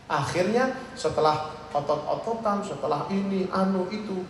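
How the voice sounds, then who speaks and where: A male preacher telling a comic sermon to a crowd, animated and speaking directly to the audience. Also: sits high, normal speed, a little hiss or hum. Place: large public gathering hall or outdoors. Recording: echoey loudspeaker sound from far off.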